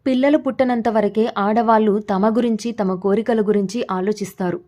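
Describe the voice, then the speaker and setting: A woman reading a story aloud in an even, measured storytelling manner. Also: medium pitch. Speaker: story narrator. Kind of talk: scripted story narration.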